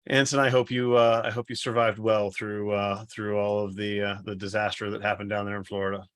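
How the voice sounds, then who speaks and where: Low-voiced man hosting casually, dry sound. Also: flat delivery, brisk, a bit bright, smooth, dry recording. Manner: informal, rambling, joking banter. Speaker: livestream host, company co-founder. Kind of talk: casual livestream chat.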